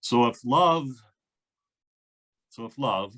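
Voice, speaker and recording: A man's voice: mid-range voice, lively intonation, slow pace, a bit bright. A man, a minister, interviewing a guest in an earnest, thoughtful way with frequent fillers. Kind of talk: reflective conversation.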